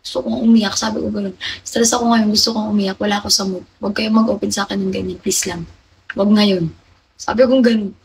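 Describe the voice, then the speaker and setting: A young woman hosting a livestream chats and confides in her viewers casually, reading their names aloud and replying to their comments. She talks fast with a medium pitch, a steady tone, and some creak, on a low-quality recording with a slight hiss or hum.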